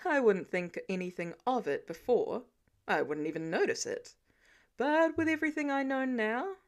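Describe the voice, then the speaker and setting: A woman's voice: fairly high pitch, animated, moderate pace, natural voice. A woman doing Tony Stark, a smug drawling billionaire. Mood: skeptical. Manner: dry, drawling, probing. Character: smug, teasing middle-aged billionaire man.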